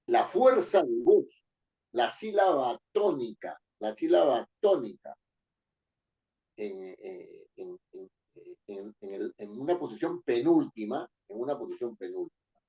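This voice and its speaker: Man, teacher giving a lesson, dark warm tone, animated pitch, rhetorical questions. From Peru. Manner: repeats key phrases, asks the class rhetorical questions. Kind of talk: spoken lesson on writing and accent marks.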